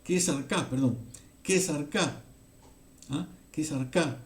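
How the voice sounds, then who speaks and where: Slow, halting male Bible teacher. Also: on the high side. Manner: halting, many fillers and check-ins like "ok?". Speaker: preacher.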